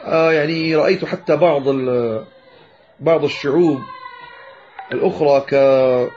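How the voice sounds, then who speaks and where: A man from Morocco, teaching Quran pronunciation and slowly demonstrating letter sounds. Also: mid-range voice, a little mellow, slight background noise. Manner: addresses listeners as brothers, demonstrates sounds slowly. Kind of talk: tajweed lesson explaining pronunciation. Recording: dull lo-fi lecture recording.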